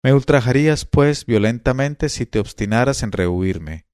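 A man's voice: medium pitch, expressive, moderate pace, darkish tone, smooth, no echo, clean studio sound, close to an everyday voice. A man reading the lines of a bold, teasing eighteen-year-old noblewoman in a storybook tale, in a playful, coaxing way.

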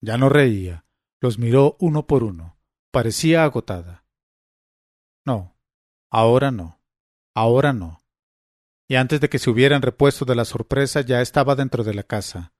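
A man narrating a literary story as an audiobook, in a measured, quietly dramatic reading with light voicing of the characters. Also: mid-range voice, no room sound, clean studio sound.

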